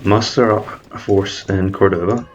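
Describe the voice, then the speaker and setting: In a muffled recording with a bit of hiss or hum, a man with a low, steady voice speaks at a measured pace. He gives explanatory, methodical commentary over a strategy game as a let's-player, thinking aloud and correcting himself mid-word.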